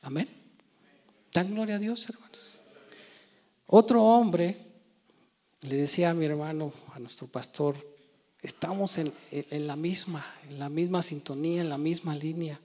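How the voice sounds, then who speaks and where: Male preacher, emphatic sermon delivery, voice on the higher side. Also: unhurried, long pauses, warm tone. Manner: emphatic with frequent rhetorical "¿sí?" and "hermanos". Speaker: church preacher.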